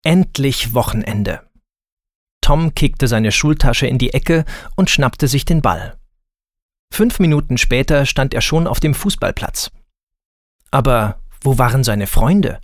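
A man narrating a scripted children's story in a calm, deliberate manner. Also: mid-range voice, no room sound, clean studio sound.

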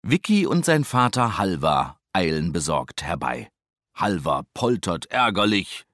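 A middle-aged man narrating a children's storybook in a lively, expressive, unhurried manner. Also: low voice, no echo, studio quality.

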